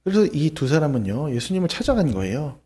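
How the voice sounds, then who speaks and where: A male pastor preaches to children, telling the story with animated energy and asking the young listeners questions. His voice sits fairly high for a man. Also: fast.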